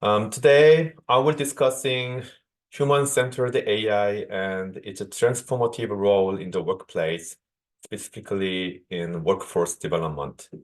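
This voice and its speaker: A man from South Korea, a native Korean speaker with a Korean accent, giving a measured conference keynote over a video call with small restarts. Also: lowish voice, fairly even intonation. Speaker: guest speaker, associate professor.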